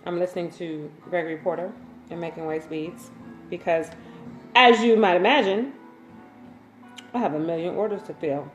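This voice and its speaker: A woman's voice: fairly low pitch, normal speed, pauses often, soft background music. Chatty woman livestreaming in a roomy space. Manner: chatty, greets viewers by name and reads their comments; relaxed and informal, frequent ums and slang. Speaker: waist bead maker and seller, livestream host. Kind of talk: casual livestream chat with viewers.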